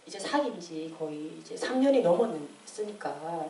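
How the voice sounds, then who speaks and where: Woman, late 20s, church testimony. Animated storyteller with a mellow tone. Roomy, distant mic. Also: fairly low pitch, measured pace, a little hiss or hum. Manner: animated storytelling, acting out quoted voices. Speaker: church member giving testimony. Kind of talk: personal testimony. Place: church hall. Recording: echoey room, distant mic.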